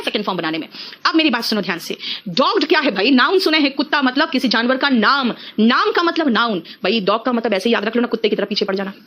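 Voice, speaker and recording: A young Indian woman teaching English grammar in an exam-prep lecture, explaining briskly and calling her students "beta". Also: a little high, fairly bright tone. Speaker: English teacher for competitive exams.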